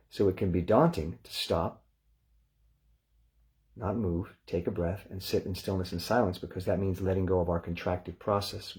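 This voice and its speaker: Male relaxation guide, very low and mellow voice, calm and unhurried. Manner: calm, unhurried, gently instructive. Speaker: relaxation session leader.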